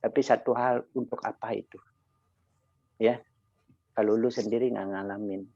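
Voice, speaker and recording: Man, gravelly voice, slangy storyteller, dry muffled lo-fi sound. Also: on the low side, normal speed, no echo. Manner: animated storytelling in slangy street talk, acting out both sides of a conversation. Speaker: insurance agent sharing experience. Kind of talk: motivational sharing session.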